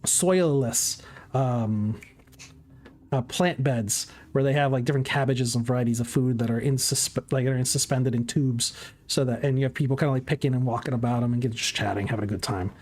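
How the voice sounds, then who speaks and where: A game master improvising descriptive tabletop narration in a halting, conversational way. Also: mid-range voice, a little mellow.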